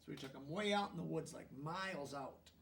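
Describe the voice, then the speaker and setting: Reading a children's storybook, this man has a noticeably high voice with some vocal fry. His deliberate reading pauses for gentle, plainly worded explanations. The mic seems far from him, and there's slight background noise.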